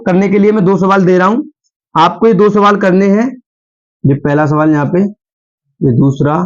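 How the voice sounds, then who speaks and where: A man's voice: a little high, darkish tone. A young man teaching a math lesson at a board, patiently repeating steps and quizzing his students. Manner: patient, repeats steps and asks the class questions. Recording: dull lo-fi sound.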